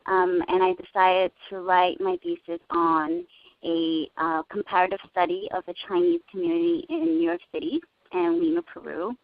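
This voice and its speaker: A young woman from the United States who grew up speaking Cantonese appears as a guest in a casual interview, earnest and thoughtful, often pausing and hesitating to find her words. Her voice sits on the low side, and the recording is dull, lo-fi and dry.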